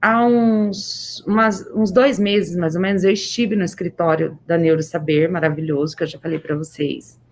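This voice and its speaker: A woman's voice: lowish voice, steady tone, normal speed. A woman with a Brazilian accent speaks through a face mask, addressing teachers informally on a livestream as an education official, effusive and emphatic, repeating words for stress.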